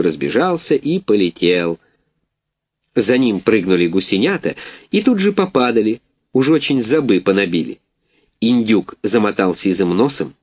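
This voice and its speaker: A man narrating a children's story in an animated, expressive reading. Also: fairly low pitch, husky, dry recording.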